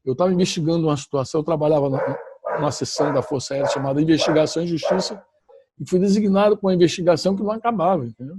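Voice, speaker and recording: A middle-aged Brazilian man with a high, husky voice gives a personal testimony as a pastor. His tone is warm and mellow, and the recording is dry and close. He is emphatic and repeats phrases as he works his way through the story. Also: very fast, no room sound. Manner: emphatic, repetitive storytelling with self-corrections. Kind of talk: personal testimony to a church audience.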